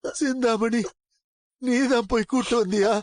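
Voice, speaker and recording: Middle-aged ailing father, emotional, weak, fairly high voice, dry sound. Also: fairly even intonation, unhurried, no echo. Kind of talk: TV serial acting.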